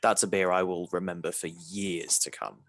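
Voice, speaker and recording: A man's voice: low-pitched, fairly even intonation, moderate pace, fairly bright tone, a little hiss or hum. A man, co-hosting a podcast in casual chat, emphatic and enthusiastic. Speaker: podcast co-host.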